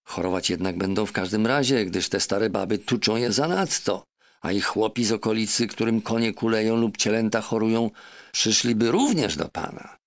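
A man doing a wheedling, gravelly meat seller. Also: fairly low pitch, expressive, moderate pace, no echo, clean studio sound. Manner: fawning, wheedling. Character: chatty, scheming middle-aged male meat seller.

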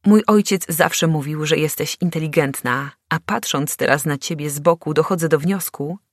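A woman's voice: fairly low pitch, unhurried, dry recording, clean studio sound. A woman reading an audiobook, voicing an angry young man who speaks reproachfully and hisses through clenched teeth. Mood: scornful.

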